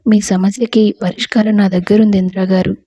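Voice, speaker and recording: A woman's voice: mid-range voice, flat delivery, a little fast, dark tone, breathy edge, dry recording, muffled recording, close to an everyday voice. A woman voicing an earnest, stubborn young woman in love who speaks firmly, in a Telugu audio story. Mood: determined.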